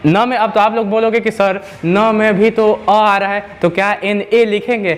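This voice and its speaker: In a classroom lesson on English spelling rules, a man repeats himself, stretches sounds out slowly and asks the class rhetorical questions. His voice is high with little pitch movement.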